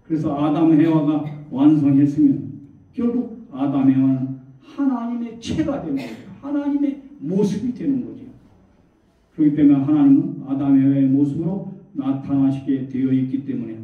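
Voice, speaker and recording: A man's voice: on the high side, normal speed. A man, a church elder, preaching a sermon, asking rhetorical questions and acting out quoted voices. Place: church hall. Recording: echoey hall from far off, dull.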